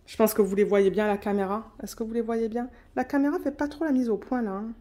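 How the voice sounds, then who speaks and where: A woman vlogging an unboxing in a quick, chatty way, reading out color numbers at home. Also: on the high side, fairly even intonation, warm tone. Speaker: diamond painting vlogger. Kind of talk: casual unboxing chat.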